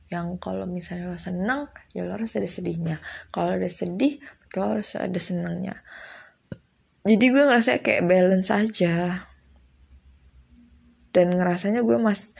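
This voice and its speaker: A young woman talks to her viewers in a loose, slangy, confessional way, often breaking into laughter. Her voice is husky and a little gravelly, with fry at the ends of phrases. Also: medium pitch, darkish tone. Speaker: vlogger. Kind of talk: casual confessional monologue.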